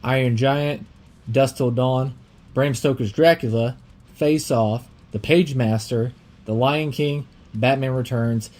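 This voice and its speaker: A young man hosting a casual movie podcast, talking in a rambling, filler-heavy, excitable way, with a slight lisp from a dental aligner. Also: medium pitch, slow pace. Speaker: podcast host.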